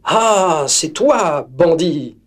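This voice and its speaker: A man's voice: a little high, lively intonation, extremely slow, full character voice. A man voicing a bold, forthright hunter in a storybook reading. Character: bold male hunter, gruff and brisk.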